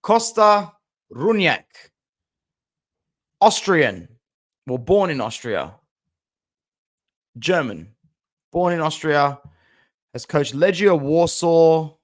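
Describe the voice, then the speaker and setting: A young man hosts a casual football stream and talks straight to his viewers. His voice sits a little high, and he swings between loud outbursts and quiet muttered asides as he reacts to highlights. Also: lively intonation, extremely slow, pauses often. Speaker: football fan channel host. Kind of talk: casual live-stream commentary.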